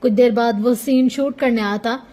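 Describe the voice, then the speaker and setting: A woman narrates a novel aloud for an audiobook. Her voice is high and her delivery steady. She reads like a storyteller. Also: normal speed.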